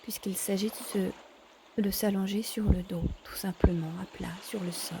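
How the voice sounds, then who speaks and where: A woman guides a yoga class in a calm, measured way, pausing between short phrases. Her voice is mid-range, and there's noise in the background.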